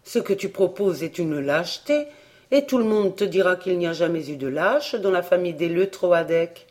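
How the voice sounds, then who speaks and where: An audiobook reader voicing a grave, loving old widowed mother who speaks softly and solemnly. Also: lowish voice, lively intonation, moderate pace, natural voice. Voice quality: soft, faint voice. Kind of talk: audiobook reading.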